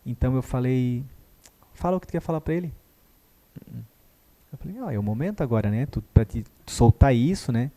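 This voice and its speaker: A guest therapist tells a story in a conversational way, speaking quickly in a soft, mellow, medium-pitched voice. He animatedly acts out the lines of the people in his tale.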